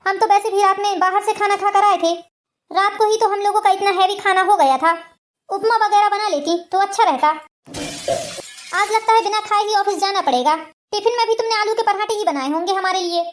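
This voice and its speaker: A woman's voice: very high voice, a little fast. A woman voicing a bossy, spiteful working daughter-in-law in a cartoon family drama, talking in a sneering way.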